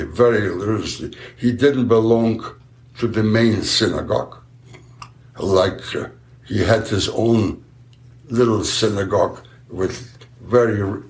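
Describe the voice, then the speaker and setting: A man in his nineties from Galicia, answering interview questions haltingly and repeating words as he searches for them. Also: fairly low pitch, gravelly, roomy sound. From Galicia, then Poland, now Ukraine. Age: 90s. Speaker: interviewee, survivor. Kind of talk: slow unhurried answers in an interview.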